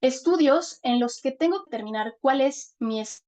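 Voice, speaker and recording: A woman with a fairly high voice gives an online class through a video call. Her audio is choppy and keeps cutting out, so her words come through in broken fragments. She explains patiently and stops to check if her students can hear her. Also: animated, normal speed, a little mellow. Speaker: lecturer.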